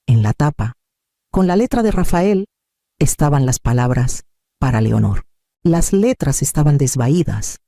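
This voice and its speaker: A man reading a scripted first-person family drama in a calm, measured storytelling manner. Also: medium pitch, no echo. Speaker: narrator.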